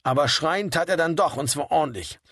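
A man reading a story aloud in a steady, wry narrating manner. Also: a little high, brisk, husky, dry recording, clean studio sound. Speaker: audiobook reader. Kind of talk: scripted narration.

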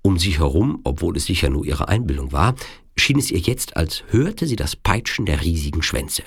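A man narrating an adventure audiobook in an expressive storytelling manner. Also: sits low, normal speed, creaky, slightly rough, no echo, studio quality.

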